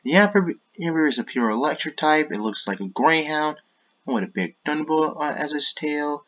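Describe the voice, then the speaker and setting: A man's voice: a little high, normal speed, a bit bright, lo-fi sound. A man hosting his own gaming channel, talking in a casual, rambling way, often breaking off mid-thought to apologize and change course. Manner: rambling, self-interrupting, apologetic asides. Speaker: YouTube gaming channel host.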